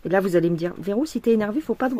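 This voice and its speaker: A woman's voice: mid-range voice, animated, very fast, dark tone, dry recording. A woman vlogging casually while she embroiders, venting her frustration, swearing and rambling with lots of restarts. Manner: rambling with many restarts and fillers. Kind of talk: casual vlog while stitching.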